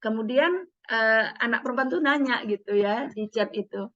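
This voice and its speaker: A woman's voice: on the high side, moderate pace. A middle-aged woman psychologist, telling stories in a parenting seminar and acting out the dialogue. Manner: animated, acts out quoted dialogue. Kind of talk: storytelling seminar talk. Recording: dull muffled lo-fi sound.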